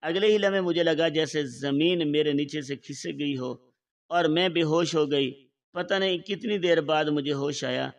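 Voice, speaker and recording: Male narrator for a scripted story, steady measured read, slightly high voice. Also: creaky. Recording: voice slightly far from the mic.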